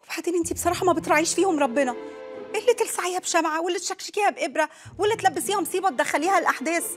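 A woman's voice: extremely high pitch, rapid-fire. An affectionate Egyptian mother. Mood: soothing. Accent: Egyptian Arabic. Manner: affectionate, calls everyone darling. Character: tender, reasoning middle-aged mother, soothing. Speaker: mother and neighbor. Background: music.

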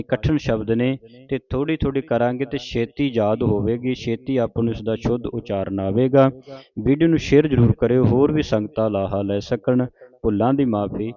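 A man teaching scripture pronunciation, reciting verses slowly and stopping to correct how words are said. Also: mid-range voice, highs cut off.

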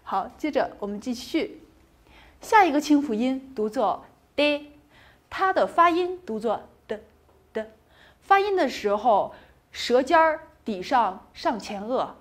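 A woman's voice: high-pitched, very animated, unhurried. A woman teaching a recorded pronunciation lesson, patient and encouraging, saying each sound twice and asking the class questions before answering them herself.

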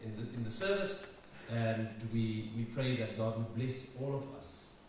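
A man's voice: medium pitch, fairly even intonation, measured pace. A middle-aged man with a South African accent, a pastor welcoming the congregation and giving announcements, hesitant with many ums and restarts. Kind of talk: church service welcome and announcements. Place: large wood-panelled church. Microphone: stand mic at lectern. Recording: echoey church from far off, background noise.

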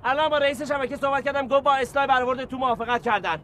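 An actor playing a police captain who coaxes a desperate man on a city rooftop and flares into shouting. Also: very high voice, steady tone, a little hiss or hum. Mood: coaxing. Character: earnest, excitable police detective talking a man down. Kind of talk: TV series acting.

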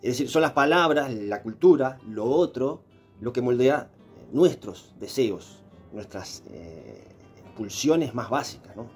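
A man giving an explanatory monologue, pausing often with filler sounds and tag questions. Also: mid-range voice, expressive, a little mellow, slightly rough, faint music behind. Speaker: presenter explaining philosophy.

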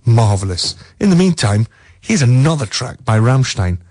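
Husky-voiced chatty male radio DJ. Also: medium pitch, sing-song, normal speed, dark tone. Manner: chatty, joking, reads out listener texts. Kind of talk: casual live radio chat. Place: radio studio.

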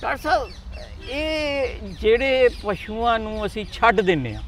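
A man's voice: very high voice, animated, moderate pace, slight background noise. A man with a Punjabi accent hosting a farm talk show, leading the interview and often checking in with his guest. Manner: leading, frequent "hai na" check-ins. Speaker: host.

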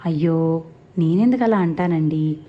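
A woman's voice: low voice, moderate pace, natural voice. A woman voicing a playful young wife who teases her husband, on a slightly dull recording. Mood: teasing. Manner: teasing, mischievous.

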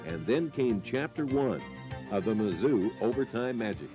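Male American narrator, lowish pitch, scripted dramatic sports recap with music underneath. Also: expressive, moderate pace.

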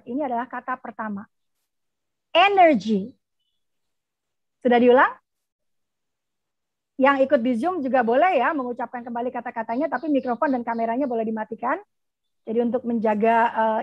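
High-voiced Indonesian woman teacher, lo-fi radio. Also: no echo. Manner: slow, careful enunciation for children to repeat. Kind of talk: bilingual reading lesson on radio. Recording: dull, lo-fi radio broadcast.

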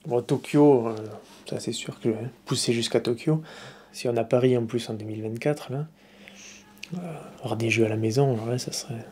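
A man in his thirties talks in a measured, thoughtful way with some pauses. It sounds like a relaxed indoor interview. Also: medium pitch, slight background noise. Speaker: fencer. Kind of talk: casual interview.

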